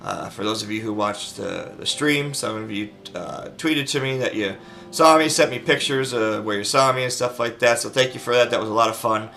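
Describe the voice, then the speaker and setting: Bright-voiced man rambling in a casual vlog. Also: mid-range voice, moderate pace, soft background music. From Arizona, US. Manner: rambling, with many fillers and restarts. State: sleep deprived. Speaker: gaming video creator.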